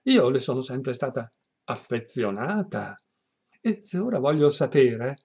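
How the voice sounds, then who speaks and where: A wheedling middle-aged housekeeper who coaxes her master with feigned tender concern, as a man reading a novel aloud puts her on. The voice is husky and the recording sounds dull and lo-fi. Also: mid-range voice, expressive, a little slow, a little mellow. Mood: coaxing.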